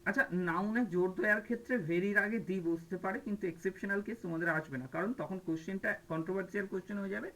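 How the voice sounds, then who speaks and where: In a classroom grammar lecture for competitive exams, a male English teacher poses questions to his students and answers them himself, slipping English terms into his explanations. He talks fast with hardly any pauses, in a high, bright, forceful voice, and the recording quality is low.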